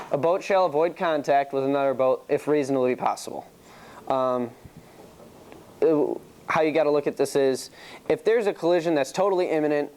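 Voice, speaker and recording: A young man on a sailing team gives a relaxed classroom chalk-talk on sailing rules, sharing stories from his own races and laughing easily. His voice is fairly high with a darkish tone, and there's slight background noise.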